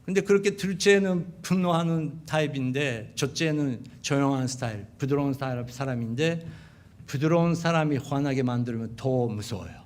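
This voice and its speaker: A middle-aged man with a Japanese accent, a pastor preaching a sermon in an animated storytelling manner. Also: medium pitch, moderate pace. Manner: animated storytelling, acting out quotes of wife and sons. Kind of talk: sermon with acted family stories.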